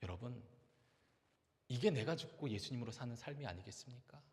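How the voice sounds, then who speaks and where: A man's voice: medium pitch, animated, fairly quick, darkish tone. A male pastor preaching a sermon in a church, telling a story and urging his listeners earnestly. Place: church sanctuary. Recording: long reverb of a church hall.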